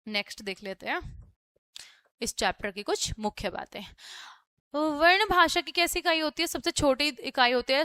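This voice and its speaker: A woman's voice: sits high, a bit bright, smooth, no room sound. A woman teacher giving a step-by-step grammar lesson, asking questions and answering them herself, often checking in with "okay". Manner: explains step by step, often asks and answers her own questions; frequently checks in with "ठीक है".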